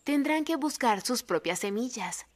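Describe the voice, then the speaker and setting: A woman playing a sensible, firm bug mother in a dubbed children's cartoon, practical and gently scolding. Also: on the high side, expressive, unhurried.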